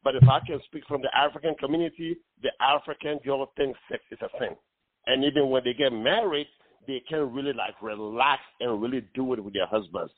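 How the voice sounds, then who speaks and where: A man's voice: medium pitch, fairly quick, no echo. Ghanaian-born man calling in by phone. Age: 40s. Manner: earnest, hesitant with many fillers. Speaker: caller. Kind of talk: call-in radio talk. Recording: tinny phone line.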